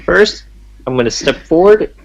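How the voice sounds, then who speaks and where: A man's voice: high-pitched, expressive, moderate pace, gravelly, highs cut off, soft background music. A man chatting casually as a player in a tabletop role-playing game.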